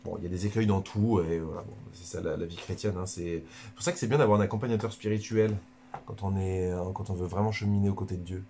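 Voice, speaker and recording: A man, a friar, giving a casual livestreamed spiritual talk, joking and animated, colloquial, stumbling over words. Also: low voice, fast, slight background noise. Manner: joking, animated, bursts of laughter between points.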